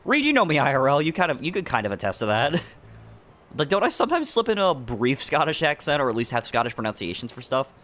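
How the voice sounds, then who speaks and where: A young man gives rambling let's-play commentary. His pitch swings widely and his talk wanders from thought to thought, with small laughs slipping in mid-sentence. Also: sing-song, quick pace, fairly bright tone. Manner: rambling, chatty, jokes and talks to a friend. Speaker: streamer playing a video game.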